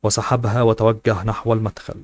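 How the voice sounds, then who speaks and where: A man reading a novel aloud as scripted narration, in an even, steady reading voice. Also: on the low side, quick pace.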